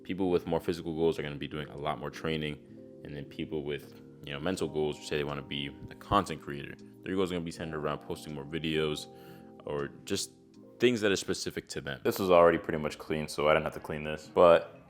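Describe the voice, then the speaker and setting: A young man narrates his vlog casually, laid-back and chatty and quick to use slang. His voice sits low, and his words come fast. Soft music plays faintly underneath. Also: fairly even intonation. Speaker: vlogger.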